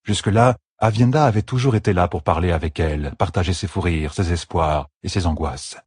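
A man narrating a fantasy novel in a measured, expressive reading. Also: low voice, husky, dry recording, clean studio sound. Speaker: audiobook narrator.

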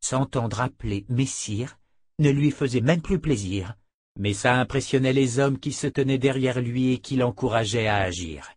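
A man reading a novel aloud in a steady, measured narration. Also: mid-range voice, slightly rough. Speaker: audiobook narrator. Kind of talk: scripted narration.

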